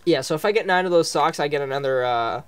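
A man's voice: fairly high pitch, quick pace, smooth, faint music behind. A man giving chatty, slangy gameplay commentary as he plays, swearing freely. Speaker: gamer playing and commentating.

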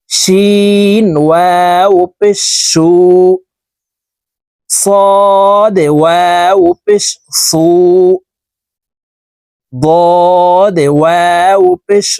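A man teaching Quran reading, chanting letters and syllables one by one in a drawn-out way, with brisk asides of explanation. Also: sits high, a little mellow, smooth, dry recording. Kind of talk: slow spelled-out recitation lesson.

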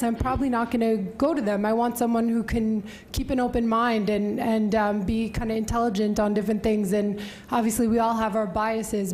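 A woman's voice: fairly high pitch, darkish tone, slight background noise. A young woman speaking as a journalist on a panel, conversational with frequent fillers, at a table microphone in a wood-panelled hall. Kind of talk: panel discussion remarks.

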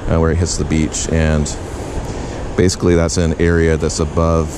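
Male host, deep voice, rambling on-scene narration, outdoor camera audio with clear wind noise. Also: normal speed. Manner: relaxed, rambling with many fillers and restarts. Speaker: news videographer and show host. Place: outdoors on a windy beach bluff. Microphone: handheld action camera.

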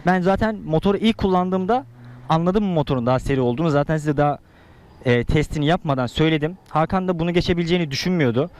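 A man's voice: on the high side, lively intonation, rapid-fire, a little mellow, clean tone. A young man chatting casually as a motorcycle vlogger, slangy and teasing, talking from inside a helmet. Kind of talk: casual motovlog chat and commentary.

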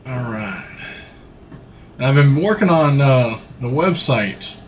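Casual and meandering, this middle-aged man chats through a farming game livestream from his home setup, seated in a gaming chair. His mid-range voice is animated but slow, with a little noise behind it.

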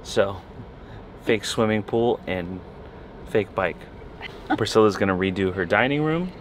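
A man's voice: lowish voice, lively intonation, unhurried, a little hiss or hum. A middle-aged father chatting casually in a family vlog, teasing with dry sarcasm. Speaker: vlogger father.

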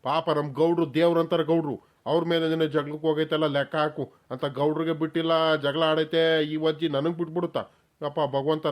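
A man's voice: fairly high pitch, close to an everyday voice. A man voicing a timid village man in a cartoon, who mutters nervous asides to himself and pleads his innocence. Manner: nervous muttering asides, flattering when addressing the granny. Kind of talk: cartoon voice acting.

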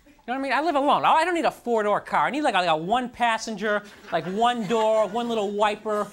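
A young man doing a stand-up routine on a TV studio stage, exasperated and self-mocking, jumping up into high mocking voices. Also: lively intonation, fast. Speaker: stand-up comedian. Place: TV studio stage with live audience. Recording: noisy, with loud audience laughter.

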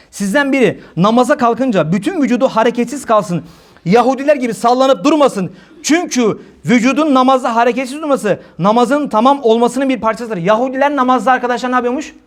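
A man with a high voice preaches to a live congregation in a hall. He jokes and tells stories, mimics the people he talks about, and laughs at his own jokes. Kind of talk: humorous religious talk to a congregation.

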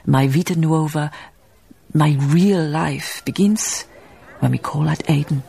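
A deep, mellow, exaggerated voice belongs to an actress in a radio play, cast as a melancholy Danish baroness who narrates her life with slow, literary reflection. Her delivery is breathy and husky, and there's slight background noise.

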